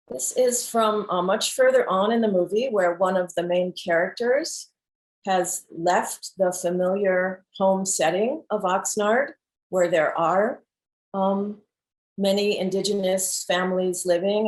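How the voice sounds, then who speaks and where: Woman filmmaker, lowish voice, hesitant, lots of fillers, heard over a video call. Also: rough recording. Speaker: filmmaker presenting her work. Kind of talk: hesitant art-talk presentation.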